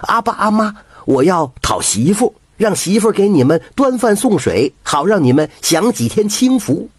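A man voicing a cheeky young frog who talks like a person, bold and sure of himself, with a husky voice. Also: high-pitched, very animated, moderate pace, no echo, clean studio sound, pitched above the performer's own voice, exaggerated voice. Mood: eager.

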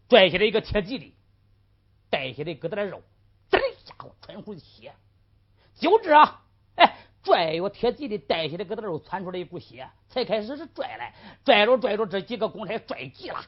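A woman's voice: medium pitch, husky. A woman storyteller narrating vividly and addressing the audience directly, on a lo-fi old recording. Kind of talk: traditional storytelling.

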